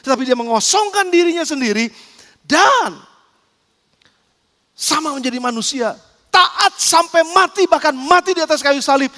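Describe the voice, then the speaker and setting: A male pastor delivers a sermon with an unusually high voice, spinning a lively story and turning often to the congregation. His voice rings through a church hall with long reverb. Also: moderate pace, long pauses.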